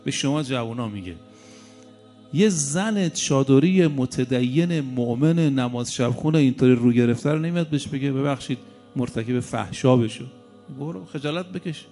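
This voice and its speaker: A man's voice: mid-range voice, warm tone, faint music behind. A man in his fifties preaching a sermon, telling stories with colloquial asides and rhetorical questions.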